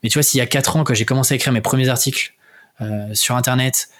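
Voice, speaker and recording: A man's voice: mid-range voice, steady tone, fast talker, fairly bright tone. A man in his twenties, a guest entrepreneur, talking in a casual interview and hesitating often with fillers. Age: 20s.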